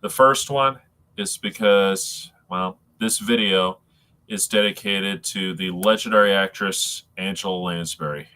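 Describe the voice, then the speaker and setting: A man with a congested, nasal sound, as if his nose were packed, talking casually and haltingly to viewers on a live stream. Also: on the low side, bright, forceful tone. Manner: halting, rambling, addressing viewers as folks.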